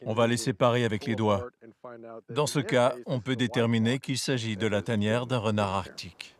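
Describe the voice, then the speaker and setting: A man speaking as a wildlife researcher, giving measured, articulate explanations for a documentary. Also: mid-range voice, fairly even intonation, crowd noise.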